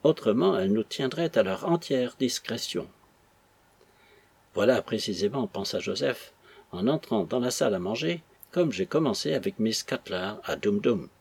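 A man reading a classic novel aloud in an expressive way. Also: medium pitch, gravelly, breathy edge, dry recording. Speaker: audiobook narrator. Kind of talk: scripted narration of a classic novel.

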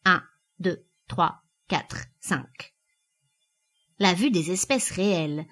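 A woman narrating a novel as an audiobook, reading in a measured, even way. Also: medium pitch.

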